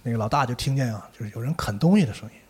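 A man hosting a podcast, telling a ghost story in a casual, animated way and acting out the characters. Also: medium pitch, rapid-fire, a little hiss or hum.

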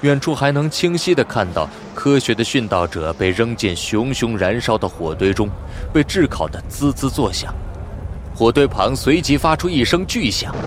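Expressive male audiobook narrator. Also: fairly low pitch, a little hiss or hum. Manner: expressive, vivid storytelling. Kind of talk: scripted storybook narration.

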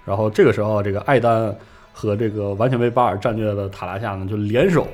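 A man's voice: lowish voice, fairly even intonation, fast talker, darkish tone, faint music behind. A man hosting a podcast, casually retelling a game's story in a rambling way with many fillers. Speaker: podcast host recounting game lore.

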